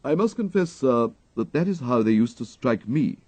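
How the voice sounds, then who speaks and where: A man voicing an unflappable English gentleman's manservant, deferential and deadpan, with formal, measured phrasing. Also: medium pitch, husky, dry recording, pitched above the performer's own voice. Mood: deferential, composed.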